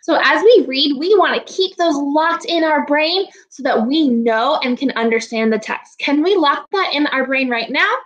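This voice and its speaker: Here a high-pitched, slightly bright female voice moves at a moderate pace with hardly any pauses. She's an elementary teacher in her twenties, giving young children an encouraging, instructional read-aloud lesson over webcam. The video call is recorded on a webcam or laptop microphone in a small room at home.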